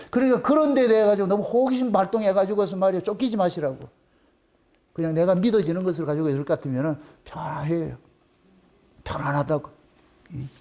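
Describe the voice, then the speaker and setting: A middle-aged man preaches from the pulpit in a fairly high voice. He drives each point home with insistent repetition, shifting between raised emphasis and quiet asides. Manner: emphatic, repeating phrases with rising insistence; briefly sings a slow hymn line. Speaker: pastor. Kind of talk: sermon.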